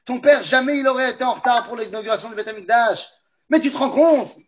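A man's voice: very high voice, fast, pitched above the performer's own voice. A man doing a scolding Tunisian mother. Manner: reproachful, dramatic.

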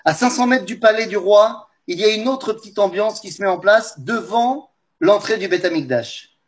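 A man teaching a religious class, telling a story in an animated way and speaking straight to his listeners. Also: high-pitched, normal speed. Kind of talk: lively storytelling lesson.

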